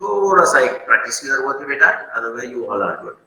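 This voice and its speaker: A man's voice: mid-range voice, animated, normal speed, pushed and bright. A man with an Indian accent gives feedback to his students on an online class, switching between Hindi and English and calling them beta. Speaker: faculty moderator. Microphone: video call. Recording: roomy video call audio.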